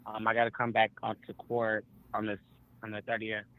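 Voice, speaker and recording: A man's voice: lowish voice, completely flat delivery, brisk. A man talks on a phone set to speakerphone, so his voice comes through thin and tinny. He speaks bluntly and casually, swears freely and sounds worn out. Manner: blunt, profane, weary talk. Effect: heard over a phone on speakerphone. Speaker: interviewee just released. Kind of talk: casual street interview.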